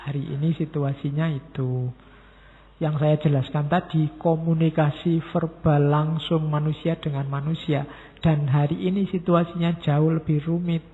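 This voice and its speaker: A man's voice: on the high side, level tone, moderate pace. A man with a Javanese accent giving a philosophy lecture, talking directly to his listeners and acting out quoted messages in different tones. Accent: Javanese-inflected Indonesian. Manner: talks straight to the audience, acts out quoted messages in different tones. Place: large mosque hall. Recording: tinny lo-fi sound in a reverberant hall.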